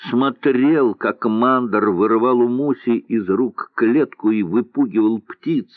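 A man narrating a historical novel as an audiobook in a measured storytelling manner. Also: medium pitch, no room sound. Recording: dry tinny lo-fi sound.

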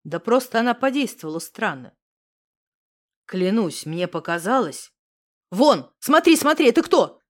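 A man's voice: animated, a little slow, pauses often. A woman voicing a jumpy, spooked young man. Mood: worried. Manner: low, anxious, insistent.

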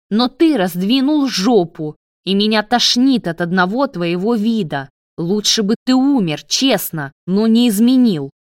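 A woman voicing a jealous, furious man who rages and shouts crude insults at his lover. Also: medium pitch, no room sound, studio quality, lightly acted.

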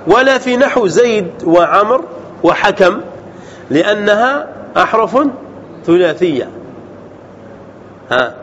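A man leads a grammar class as a sheikh, pitched fairly high for a man. He keeps stopping to throw quick questions at his students and check that they follow. The recording is muffled and lo-fi, with a faint hiss underneath. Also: very animated, fairly bright tone. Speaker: sheikh teaching Arabic grammar. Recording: dull lo-fi sound with faint noise.

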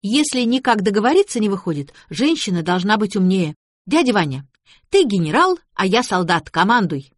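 A woman's voice: mid-range voice, sing-song, normal speed, no echo, clean studio sound, voice pushed up. A woman voicing a chatty, stubborn young woman who talks in folksy sayings and baby-talk words.

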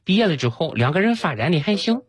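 A man radio host telling comic first-person stories with dramatic pauses, over background music. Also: a little high. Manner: animated storytelling with comic pauses. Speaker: radio host reading jokes. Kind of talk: scripted comic storytelling. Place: radio studio.

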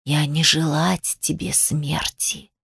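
A woman voicing a sly, menacing serpent goddess who hisses slowly in broken speech. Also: sits low, fairly even intonation, creaky, a bit bright, breathy edge, dry recording, clean studio sound, voice pushed down, full character voice. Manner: slow hissing menace, broken grammar.

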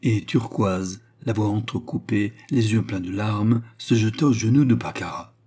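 Male narrator, low pitch, dark tone, husky, measured novel reading. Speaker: audiobook narrator. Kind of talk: literary audiobook narration.

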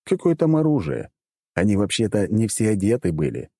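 A man reading a comic first-person audiobook with wry, lively storytelling. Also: on the low side, fairly quick, husky, no echo, clean studio sound. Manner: lively, wry storytelling that jumps up for shouted lines. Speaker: audiobook reader.

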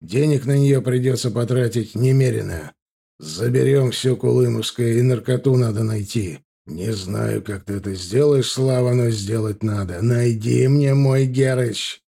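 A man's voice: mid-range voice, unhurried, gravelly, dark tone, slightly rough. A man doing a coarse, barking crime boss. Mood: demanding. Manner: blunt, barking orders. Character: hot-tempered male crime boss, coarse and bossy.

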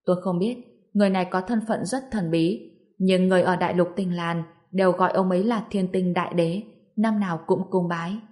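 A man's voice: high-pitched, fairly even intonation, fairly quick, darkish tone, natural voice. A woman reading the part of a kindly older male clan elder in a storybook, in a plain, explaining way.

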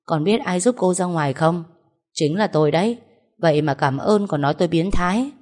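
A woman's voice: lowish voice, expressive, brisk, a little mellow. A woman voicing a young man who teases his wife in a dry, bossy way, told as an audio story. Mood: teasing. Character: young man, teasing boss and husband.

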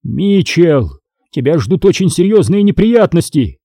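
A man's voice: fairly high pitch, sing-song, a little slow, dark tone, no room sound, studio quality, voice pushed up, full character voice. A man voicing a stern, furious father in an audiobook, scolding harshly. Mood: angry.

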